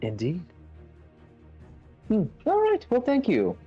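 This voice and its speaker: A man's voice: high voice, huge pitch swings, slow pace, slightly rough, highs cut off, soft background music. A man hosting a tabletop role-play and playing his character, speaking politely and inquisitively. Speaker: host and player.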